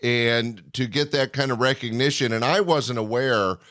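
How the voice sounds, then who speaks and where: A man's voice: mid-range voice, moderate pace, a bit bright, no room sound, studio quality. A man hosting a conversational podcast interview in an effusive, complimentary manner.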